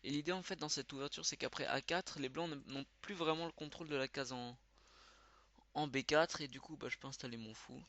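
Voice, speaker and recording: A man giving live commentary as he plays, thinking aloud with quick muttered exclamations. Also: a little high, fairly bright tone. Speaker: channel host. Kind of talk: live commentary while playing.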